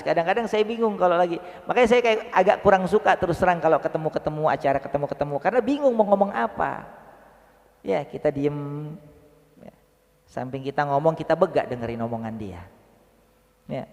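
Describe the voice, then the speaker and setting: A man with a Betawi Jakarta accent preaching a dawn sermon in a small prayer room, swinging between loud chanted Arabic verses and quiet, casual colloquial asides. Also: a little high, in a large hall.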